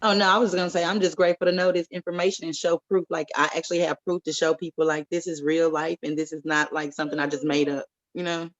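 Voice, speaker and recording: Woman, quick and chatty, dry, muffled call audio. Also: sits low, little pitch movement, no room sound. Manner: quick, casual, many fillers. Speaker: class participant.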